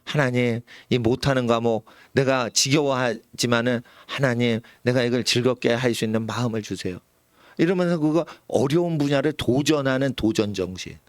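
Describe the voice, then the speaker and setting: A man, a pastor, preaching a sermon in a lively way, sometimes acting out the voices of the people he quotes. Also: mid-range voice, moderate pace, no echo. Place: church sanctuary.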